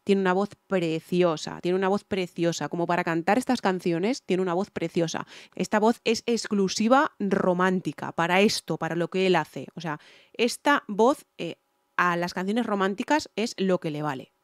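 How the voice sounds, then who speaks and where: This is a singer reviewing songs in a casual reaction with vocal analysis, leaning on repetition and emphasis to make her points. Her voice sits fairly low and moves at a moderate pace. The recording is dry with a clean studio sound, and faint music from the reacted song is audible.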